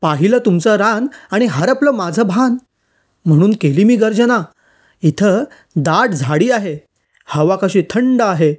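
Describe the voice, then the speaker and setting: A woman's voice: mid-range voice, expressive, unhurried, a little mellow. A woman voicing a proud but polite male lion in a children's story, speaking courteously and respectfully. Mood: apologetic.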